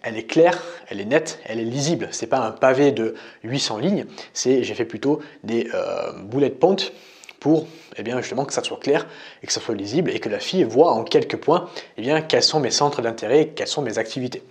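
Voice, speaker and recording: A man's voice: mid-range voice, animated, a little fast. Casual young French man teaching. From France. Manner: casual, addresses listener as tu, frequent "tu vois" and "euh". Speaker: dating coach. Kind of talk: screen-recorded tutorial.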